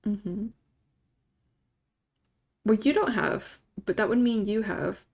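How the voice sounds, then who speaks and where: A woman's voice: mid-range voice, takes it slowly, gravelly, a little mellow. A young adult woman streamer casually chatting with her viewers, laid-back and often breaking into giggles. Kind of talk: casual live-stream chat.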